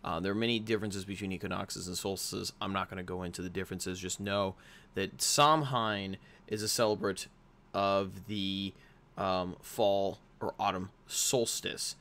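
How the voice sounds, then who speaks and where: Host: young American man, low-pitched, casual rambling explainer full of restarts. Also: fairly even intonation, moderate pace, fairly bright tone. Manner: rambling, with frequent fillers and restarts.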